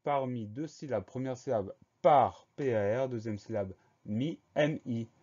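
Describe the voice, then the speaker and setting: A man teaching a French spelling lesson, slowly spelling each word letter by letter and explaining the grammar. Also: medium pitch, warm tone, lo-fi sound. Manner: slow, methodical, spells words letter by letter.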